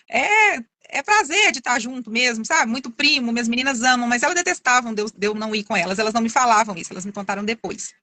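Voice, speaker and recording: A middle-aged woman tells a long story in a high, bright voice and talks quickly. She is chatty and keeps restarting her phrases. The sound is dry and close, as on a video call. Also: dry recording. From Minas Gerais, Brazil. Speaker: course student giving a testimonial. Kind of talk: casual testimonial on a live video call.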